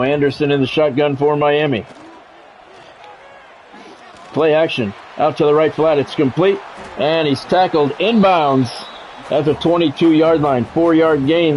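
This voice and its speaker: A middle-aged or older man with a fairly high voice delivers live play-by-play of a football video game. He sounds like an announcer, keeping his phrases short and clipped and calling big plays with excitement. A little hiss or hum sits under the recording.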